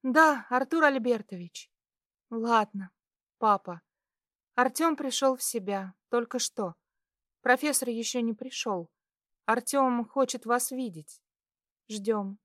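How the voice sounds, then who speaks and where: A woman voicing a tender, tearful young wife who speaks softly and pleads. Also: a little high, slow pace, pauses often, no room sound, studio quality, voice pushed up. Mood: earnest. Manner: soft whispering, pleading.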